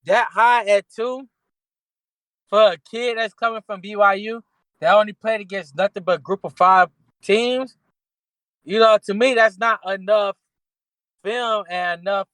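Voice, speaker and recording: A man's voice: high voice, fairly bright tone, dry recording. A man co-hosting a sports podcast in loose, slangy casual talk, often restarting his sentences. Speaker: podcast co-host.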